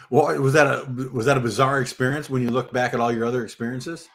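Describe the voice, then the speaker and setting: A man's voice: medium pitch, fairly even intonation, fairly quick, a bit bright. Curious man firing off questions. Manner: probing questioner, interrupts with "hold on". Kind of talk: casual live panel chat.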